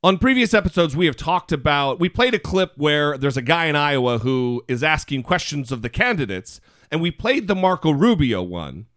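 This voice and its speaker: A man's voice: on the high side, very animated, normal speed, fairly bright tone, no room sound, studio quality. A man hosting a podcast with casual comedic talk and brash, teasing delivery. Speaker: podcast host.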